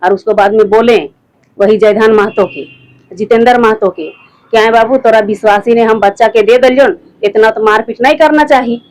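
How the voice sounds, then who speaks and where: Rural Jharkhand woman, fairly high voice. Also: steady tone, normal speed, a little mellow, poor audio. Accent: Jharkhand rural Hindi. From Jharkhand, India. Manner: plain rural speech, repeats herself, quotes others. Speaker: interviewee, mother, former village head. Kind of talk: spoken account to a reporter.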